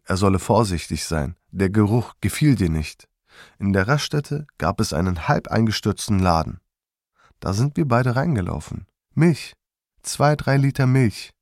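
A man calmly narrating his memoir in a measured storytelling manner. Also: deep voice, vocal fry, no echo, studio quality.

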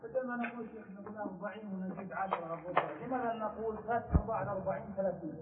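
A man, a student in the class, who asks questions quickly and eagerly. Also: high-pitched, slightly rough, narrow, tinny audio.

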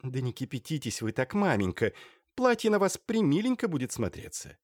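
A man's voice: mid-range voice, big pitch swings, normal speed, no room sound, clean studio sound, pitched above the performer's own voice, lightly acted. A man voicing a cool, mocking young woman speaking offhandedly to her mother. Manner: teasing, offhand.

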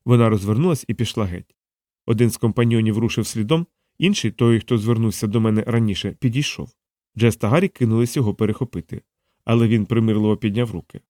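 A man reading an audiobook in a steady, understated manner into a close mic. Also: fairly low pitch, fast talker, dry recording. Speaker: audiobook narrator. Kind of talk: audiobook narration.

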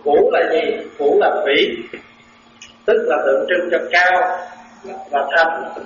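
Man giving an echoey Buddhist talk. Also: a little high. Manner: explains terms slowly, asks listeners rhetorical questions. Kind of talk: sermon. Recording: echoey, dull lo-fi recording with faint noise.

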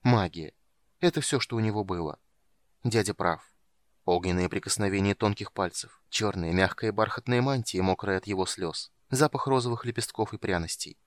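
A man narrating a fantasy audiobook in a steady, measured storytelling voice. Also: fairly low pitch, no room sound.

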